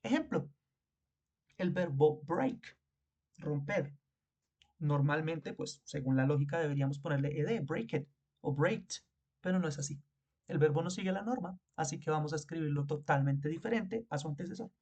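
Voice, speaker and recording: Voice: medium pitch, moderate pace, a little mellow, lo-fi sound. A teacher explaining grammar step by step in a video lesson, asking the listener for agreement and spelling words out letter by letter. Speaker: English teacher.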